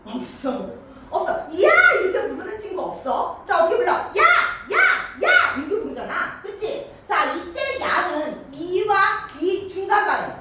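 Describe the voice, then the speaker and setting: A woman teaching a middle school grammar lesson, lively and coaxing, checking in with her students again and again. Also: very high voice, normal speed, hardly any pauses, background noise. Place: classroom. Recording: echoey classroom, mic far off.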